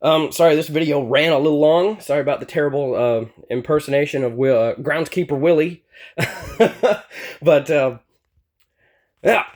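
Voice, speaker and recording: A man's voice: a little high, normal speed, darkish tone. A man hosting his own channel, walking through a card deck in a casual, rambling way, with lots of fillers and little chuckles. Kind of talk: casual deck profile talk.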